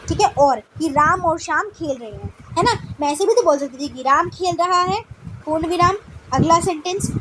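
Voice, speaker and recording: A woman teacher giving a grammar lesson who keeps asking "okay, friends?" and mixes English words into her talk. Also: high voice. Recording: noisy recording.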